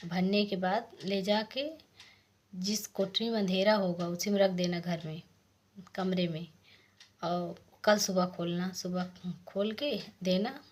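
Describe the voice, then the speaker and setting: A woman's voice: on the low side, steady tone, takes it slowly, darkish tone, slight background noise. Woman telling a folk tale. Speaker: storyteller. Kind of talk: casual folk tale narration.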